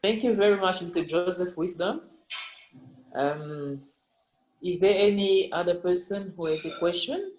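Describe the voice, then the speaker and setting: A woman's voice: lowish voice, measured pace, darkish tone. A woman moderating an online meeting, politely inviting questions. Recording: roomy echo.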